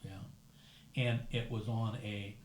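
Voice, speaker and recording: A man's voice: on the low side, slow. An older American man hosting a dinner, chatting casually and telling stories. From United States. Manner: storytelling, relaxed and chatty. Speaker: host. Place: room at a dinner gathering. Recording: echoey room with faint background noise.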